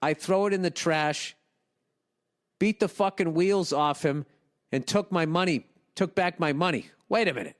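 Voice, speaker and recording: A middle-aged man, hosting a podcast, reading listener emails and riffing on them with profane, animated comedy. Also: on the high side, normal speed.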